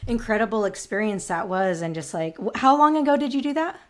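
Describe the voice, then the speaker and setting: Woman host on a chatty podcast, mid voice, quick reactions and questions. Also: mid-range voice, expressive. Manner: friendly, short reactions and questions. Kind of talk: casual interview.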